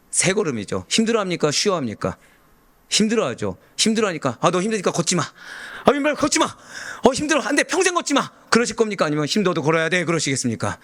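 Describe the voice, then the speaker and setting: A man's voice: fairly high pitch, fairly bright tone. A male pastor preaching a sermon in church, questioning the congregation and acting out short quoted voices. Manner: call-and-response questions to the congregation; acts out quoted voices of parents and God.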